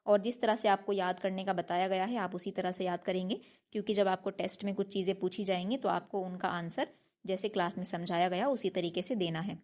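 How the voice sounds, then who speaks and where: A woman's voice: mid-range voice, darkish tone. A woman teaching a tajweed lesson, patiently explaining pronunciation and repeating each word three times for her students. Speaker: Quran recitation teacher.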